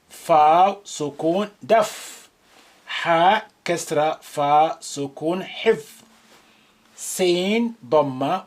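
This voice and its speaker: An Arabic teacher reading a lesson drill, naming each letter and its vowel mark and then joining them into a syllable. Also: mid-range voice.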